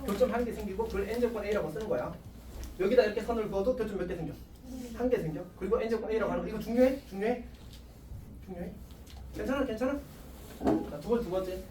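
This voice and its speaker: Chatty math teacher in an echoey classroom. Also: male voice, sits high, brisk, pauses often, a crowd in the background. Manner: chatty, self-mocking, asks the class constant check questions. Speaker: high school math teacher. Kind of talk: casual classroom lecture. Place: classroom with students. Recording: echoey classroom, distant mic, faint hiss.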